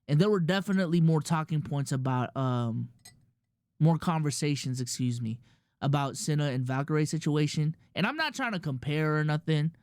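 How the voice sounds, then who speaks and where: A male streamer and podcast host with a Filipino accent chats loosely with his live chat, full of slang and frequent restarts. Close to a dry mic, his voice is on the high side with a darkish tone.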